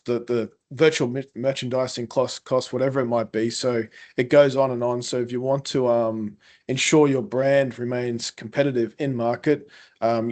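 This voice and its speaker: A man's voice: mid-range voice, darkish tone. A man with a thick Queensland Australian accent, giving advice as a speaker in a panel discussion. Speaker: panelist, importer in the Gulf.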